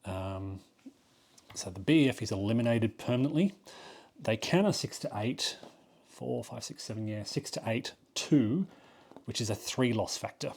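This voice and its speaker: A man of average pitch talks through a solo board game playthrough, thinking aloud as he counts spaces and weighs each move. His delivery is loose and conversational, full of ums and small self-corrections. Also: expressive, a little slow, creaky, darkish tone, slightly rough.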